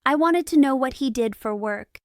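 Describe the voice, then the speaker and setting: Clear, smooth woman narrating an audiobook. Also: high voice, normal speed, dry recording, clean studio sound. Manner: clear, steady, simple storytelling. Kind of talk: scripted narration for English learners.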